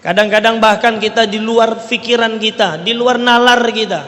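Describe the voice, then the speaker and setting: This Islamic preacher has a high, sharp voice with fairly even intonation and a normal speaking speed. Addressing a congregation in Indonesian with a Riau Malay accent, he asks rhetorical questions along the way and often checks in with the audience. The recording carries the long reverb of a large hall.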